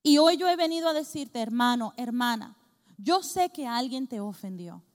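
A woman from the Dominican Republic, high-pitched, preaching a lively sermon. She acts out small scenes and asks the congregation questions. Her voice rings with the long reverb of a church hall.

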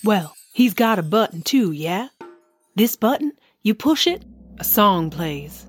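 A woman's voice: medium pitch, very animated, measured pace, husky, faint music behind. A woman playing a friendly, talkative ball ornament in a children's audio drama, telling tales matter-of-factly. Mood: gossipy. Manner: chatty, matter-of-fact storytelling. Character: chatty, friendly female Christmas ball ornament, newcomer.

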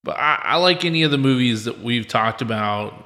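A man with a bright, forward voice hosts a casual movie podcast. He talks in a loose, chatty way, with the sound of an empty room around him. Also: medium pitch, animated, fairly quick. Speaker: podcast host. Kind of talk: casual film podcast chat.

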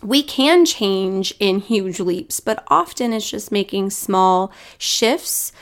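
A woman hosts a solo podcast in a mid-range voice with lively intonation, taking her time. She's casual, upbeat, and encouraging, with plenty of fillers, though still a bit congested and scratchy from a recent cold.

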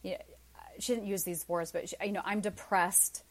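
A woman's voice: on the low side, fast. Woman, forties, interview guest; candid, chatty, wry. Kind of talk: casual interview chat.

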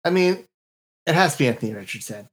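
A man's voice: on the high side, lively intonation, fast, fairly bright tone. A man co-hosting a casual sports podcast, talking in an enthusiastic, slangy way. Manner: enthusiastic, slangy, says "dude" and "like". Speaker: podcast co-host.

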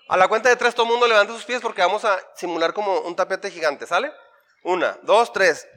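A man's voice: sits high, bright, forceful tone. A man, a pastor leading an interactive Bible workshop in church. He talks playfully and drills the listeners with repeated lists and questions. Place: church before a congregation.

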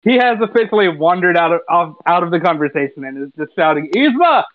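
A man's voice: a little high, fast talker, no room sound. A man playing a tabletop game over a call, joking and rambling as he narrates his character. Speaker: player. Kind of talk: casual tabletop role-play. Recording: dry, phone-like call audio.

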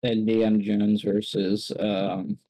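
A man with a lowish, mellow voice chatting with friends on a podcast. He talks hesitantly, stopping and restarting with ums. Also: little pitch movement, takes it slowly, poor audio. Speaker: podcast co-host. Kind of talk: casual chat among friends.

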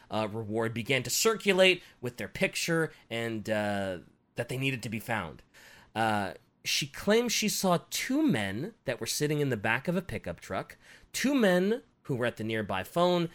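A man's voice: mid-range voice, a bit bright. A man casually retelling a true-crime case on a podcast, swearing, restarting his lines, and slipping into a southern drawl for quotes.

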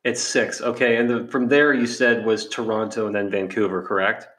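Podcast host man, mid-pitched. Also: steady tone, moderate pace, a bit bright, slight background noise. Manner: friendly, steers with questions. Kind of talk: interview podcast.

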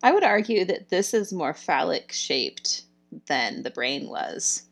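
A woman co-hosting a casual chat, speaking in a slow, easygoing way. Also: lowish voice, very animated, vocal fry, breathy edge. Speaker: co-host.

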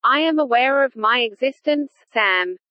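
A woman voicing a gentle, formal female AI living in a toy, speaking calmly and precisely. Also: on the high side, a little slow, no echo, lo-fi sound.

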